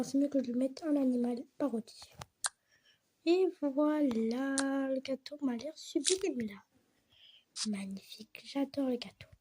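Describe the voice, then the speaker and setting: High-voiced woman narrating her play. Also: background noise. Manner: often drops to whispered asides. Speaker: player narrating a doll-house game. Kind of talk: game role-play narration.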